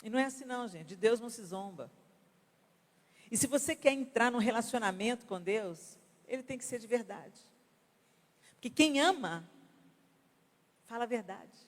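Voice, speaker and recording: A Brazilian woman pastor in her fifties, preaching at a women's conference in an animated, conversational way with acted-out examples. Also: fairly high pitch, normal speed, pauses often. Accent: Brazilian Portuguese. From Brazil (Belo Horizonte). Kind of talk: conference sermon. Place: large church conference hall. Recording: reverberant church hall.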